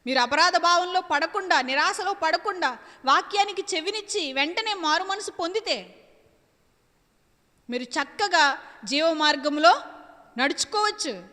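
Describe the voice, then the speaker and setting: A woman's voice: very high voice, expressive, a little slow, long pauses, bright, forceful tone, in a large hall. A woman preacher delivering an emphatic sermon, repeating her phrases and asking and answering her own questions.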